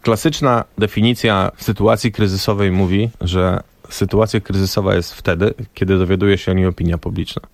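A man's voice: sits low, normal speed, hardly any pauses, no room sound. A man, a former press officer for a national football team, telling stories in a radio studio interview and acting out the quoted lines. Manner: lively anecdotal storyteller, acts out quoted dialogue. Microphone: studio microphone.

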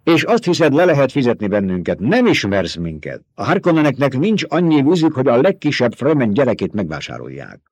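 A man's voice: medium pitch, wildly swooping pitch, few pauses, husky, no room sound, pitched above the performer's own voice, exaggerated voice. A man reading an audiobook, voicing a proud, blunt male desert warrior who speaks sharply and with scorn. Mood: scornful. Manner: sharp, mocking.

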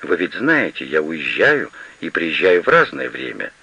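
A man's voice: deep voice, very animated, unhurried, bright, forceful tone, slightly rough, no room sound, heavily acted. A man reading an audiobook and voicing a proud, demanding woman who owns an estate, on a slightly lo-fi recording. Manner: insistent and demanding. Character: proud, pleading, imperious woman estate owner.

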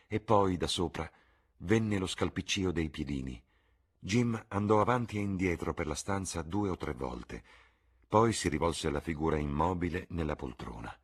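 A man reading a novel aloud in measured, expressive audiobook narration. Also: low voice, husky. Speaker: audiobook reader.

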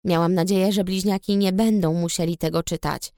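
A woman narrating a storybook in the first person with a steady, measured reading on a close studio mic. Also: lowish voice, no room sound. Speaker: audiobook narrator.

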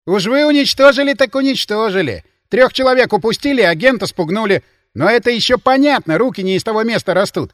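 A man reading the part of a gruff, sarcastic male counterintelligence officer in an audiobook, grumbling and mocking. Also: sits high, expressive, a little fast, few pauses, voice pushed up. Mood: irritated.

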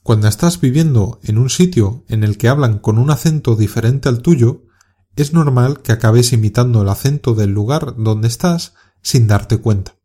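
A man with a Castilian Spanish accent reads a scripted podcast lesson for learners. His voice is mellow and warm, pitched in an ordinary middle range. He explains calmly and clearly and urges learners on. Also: normal speed. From Spain. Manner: calm, clear, encouraging explanation. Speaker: Spanish teacher.

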